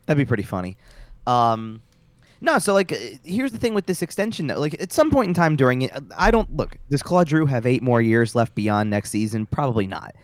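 A man's voice: mid-range voice, sing-song, brisk, no echo. A man co-hosting a casual sports podcast, often restarting and repeating words as he makes his point. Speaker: podcast co-host.

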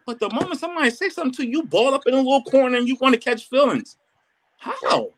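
A man's voice: very high voice, big pitch swings, fast talker, slight background noise. A man co-hosting a casual podcast, arguing emphatically and acting out quotes, with some profanity. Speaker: podcast co-host.

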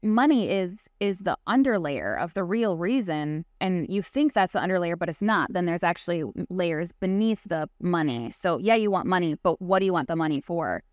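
Animated woman talking in a dry room. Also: normal speed, few pauses, no echo. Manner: animated, acts out quotes in a higher voice; fillers like "like" and "you know". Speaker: real estate agent guest. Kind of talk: casual podcast conversation.

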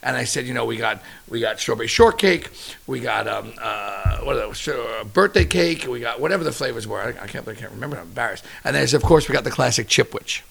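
A middle-aged chef chats casually in an interview, telling stories in an animated, slightly profane way. His voice is mid-range and creaky, and he talks at a quick pace.

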